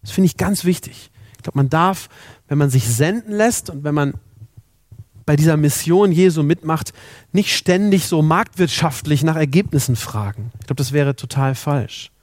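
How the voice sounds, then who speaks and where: A man's voice: a little high, normal speed, a little mellow, no room sound, clean studio sound. A man preaching a sermon, earnest, asking the congregation rhetorical questions.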